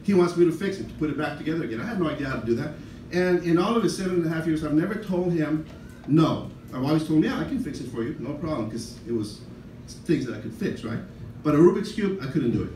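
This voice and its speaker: An older stand-up comedian with a Mexican-American accent performs on a comedy club stage, his voice fairly high, expressive, fast and mellow. His set is self-deprecating and rambling, with frequent asides to the crowd and audience laughter throughout. A distant camera picks up roomy club sound with a little hiss or hum.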